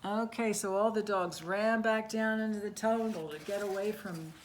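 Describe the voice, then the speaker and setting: A woman reading a picture book aloud at storytime, expressive, with asides about the pictures. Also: mid-range voice, moderate pace. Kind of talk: read-aloud storytime with voices.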